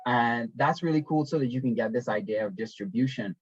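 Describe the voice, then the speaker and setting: A young man from the Bahamas presents slides in a webinar, chatting easily and pausing on ums and restarts. His voice sits at a middling pitch. It comes through a video call that sounds dull and dry. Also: slightly rough, dry recording. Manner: relaxed, conversational, with frequent ums and restarts.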